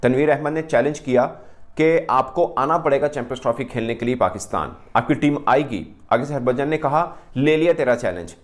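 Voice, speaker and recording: A man's voice: mid-range voice, fairly quick. Man recapping a news story. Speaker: narrator. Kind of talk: news narration.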